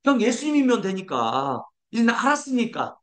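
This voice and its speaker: A pastor preaches a sermon in a notably high, slightly bright voice, brisk and full of huge pitch swings. He poses rhetorical questions and answers them himself, and leads the congregation in repeating declarations.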